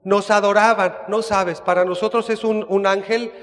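A man's voice: high voice, steady tone, normal speed, big-room sound. A man with a Mexican accent casually telling a personal story, chatty, restarting his sentences and turning to his listener with asides.

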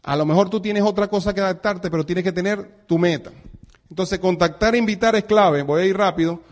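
Animated middle-aged Venezuelan man, higher voice. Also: a little fast. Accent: Venezuelan Spanish. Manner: animated, acts out dialogue, chuckles often. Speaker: network marketing speaker. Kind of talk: motivational talk to an audience.

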